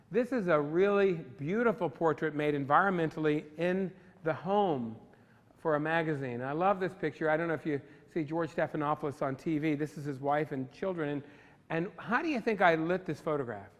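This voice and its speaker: A man's voice: a little high, moderate pace. Upbeat man teaching in a reverberant hall. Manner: enthusiastic, talks to the class directly. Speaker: photography instructor. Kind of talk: live workshop lecture. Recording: long reverb in a large room.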